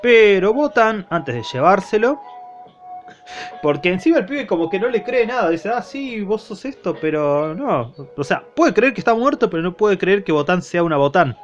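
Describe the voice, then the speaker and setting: High-voiced Argentine man recapping a manga. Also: normal speed, lo-fi sound, soft background music. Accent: Argentine Spanish. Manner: slangy, lively retelling that acts out the characters' lines. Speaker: manga reviewer. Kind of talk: casual recap of a comic.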